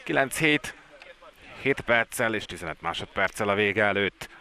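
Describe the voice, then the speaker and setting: Male sports commentator, excitable live match delivery, fairly low voice with a forceful, bright edge. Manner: excited, voice rising at key plays.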